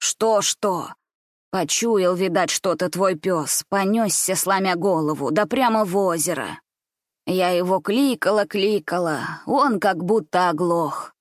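A sly old grandmother, put on by a woman reader, speaking slow and low with a cloying, falsely caring tone. Her voice drops a little below the narration and stays close and dry. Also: dry recording, close to an everyday voice. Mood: grim telling.

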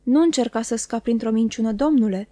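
A woman reading the part of a cold, stern man who speaks slowly and gravely, with commanding authority. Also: a little high, mellow, no echo, lightly acted. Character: stern, cold middle-aged man, harsh stepfather.

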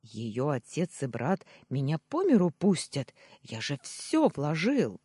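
A man's voice: a little high, huge pitch swings, takes it slowly, darkish tone, slightly rough, no room sound, exaggerated voice. A man voicing a scheming, fat middle-aged uncle who shrieks and splutters, in an audiobook reading. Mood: spiteful. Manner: shrieking, spluttering, then nervous babbling.

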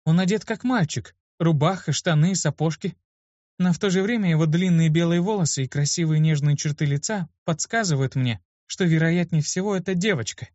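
Brief: a man doing a fiery young woman healer, raised and sharp, in a dull lo-fi recording. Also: on the high side, fairly quick, dry recording, voice pushed up, close to an everyday voice. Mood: flustered. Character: young woman healer, hot-tempered, accusing.

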